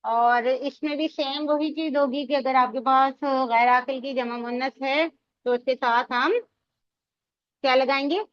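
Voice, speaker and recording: High-voiced woman teaching grammar. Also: steady tone, a little slow, no room sound, dull audio. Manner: explains step by step, asking students questions. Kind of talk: online Arabic grammar lesson.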